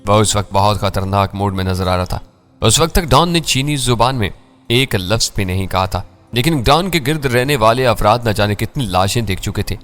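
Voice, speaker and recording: A man reading a first-person thriller story in a measured, dramatic way. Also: fairly low pitch, animated, fairly bright tone, faint music behind.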